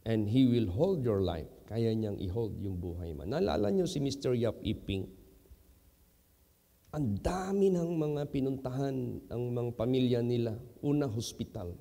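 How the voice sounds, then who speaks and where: A slow, gravelly man with a Filipino accent delivers a sermon in a reverberant church hall. His tone is dark and unhurried. He often jumps to loud, high emphasis on key words. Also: animated. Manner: switches between English and Filipino, slow, emphatic, sudden loud high rises. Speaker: pastor.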